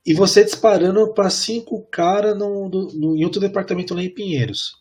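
A man, telling a work story in a casual podcast chat and acting out the dialogue with animated energy. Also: high voice, fairly quick, slightly rough, faint music behind. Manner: animated, acts out quoted dialogue. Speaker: podcast co-host.

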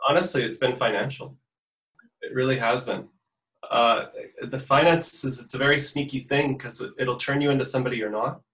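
A man with a bright, forceful voice gives a guest's answers in an interview, earnest and reflective, restarting phrases as he works out his thoughts. The recording has a roomy echo around him. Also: mid-range voice, fairly even intonation, moderate pace, far from the mic. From born in the US, raised in Portugal from fifteen. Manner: earnest, thinks aloud with restarts. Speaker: musician guest.

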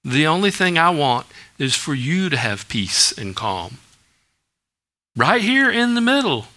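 A gentle, soothing Jesus, as a male preacher puts him on, speaks quietly and kindly within a sermon. The tone stays bright and a little high for a man. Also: sing-song, normal speed, full character voice. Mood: calm reassurance. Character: gentle reassuring Jesus speaking to a frightened believer.

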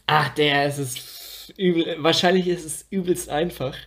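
A young man playing a guessing game, excitable and slangy, exclaiming a lot. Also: a little high, a little slow. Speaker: guessing player. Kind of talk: casual chat.

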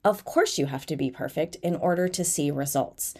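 A woman in her thirties hosts a podcast by herself and works as a fitness coach, chatting in an informal, candid, self-deprecating way. Her voice sits low with a darkish tone, congested and nasal with a head cold, at a moderate pace.

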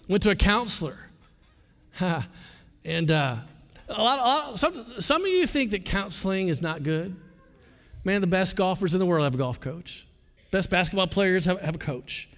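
A man's voice: high voice, big pitch swings, measured pace, long pauses, fairly bright tone. A male pastor preaching a sermon in an earnest, conversational way, often stumbling and restarting his words. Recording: long hall reverb.

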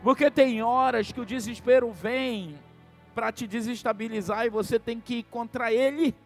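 A male pastor preaches with a very high-pitched voice and a dramatic, storytelling delivery. He calls out to the congregation and jokes with them between points. Soft music hums in the background. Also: normal speed. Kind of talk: sermon.

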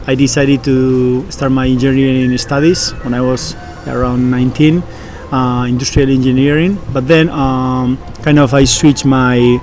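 A man with a Basque accent answering interview questions conversationally, with halting, searching phrasing. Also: medium pitch, a little mellow. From Basque Country, Spain. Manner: hesitant, halting phrasing with frequent searching pauses. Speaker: professional surfer and engineer, interview guest.

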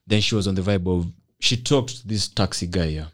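Low-pitched young Kenyan man, slangy podcast host. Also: fairly quick. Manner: animated, slangy, punctuates with tags. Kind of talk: casual chat mixed with slang.

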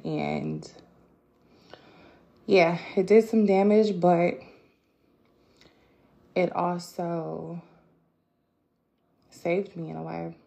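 Slow, gravelly-voiced woman podcaster. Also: fairly low pitch, warm tone. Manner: reflective, unhurried, many fillers and pauses; candid and personal. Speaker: podcast host. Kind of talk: casual solo podcast talk.

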